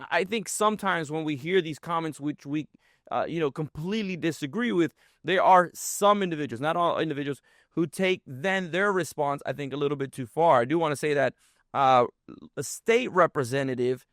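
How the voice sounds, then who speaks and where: Male political host, slightly high pitch, measured and hedging, dry close mic. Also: fairly bright tone, no echo. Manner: measured, hedging with fillers and restarts. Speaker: show host. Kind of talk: political talk show.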